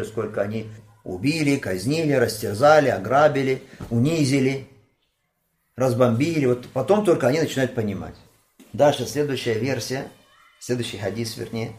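An Islamic teacher gives an impassioned, scolding lesson on hadith and quizzes his listeners as he goes. His delivery swings from loud outbursts down to a low voice.

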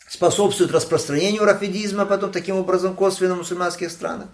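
A man teaching a religious lesson on hadith, impassioned and scolding, asking his listeners questions as he goes. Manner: impassioned, scolding, rising to loud outbursts then dropping low. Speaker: Islamic teacher.

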